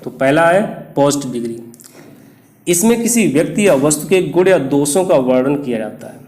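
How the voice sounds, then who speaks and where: A man teaching English grammar, explaining rules step by step and reading example sentences slowly. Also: a little high, expressive, darkish tone, reverberant. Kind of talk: classroom grammar lesson.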